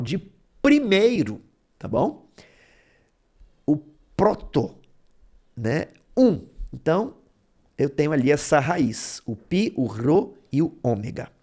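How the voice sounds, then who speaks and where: Slow, lively-voiced male Bible teacher. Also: on the high side. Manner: explains word roots step by step, checking in with "tá bom?" and "né?". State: throat bothering him. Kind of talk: explanatory Bible lesson.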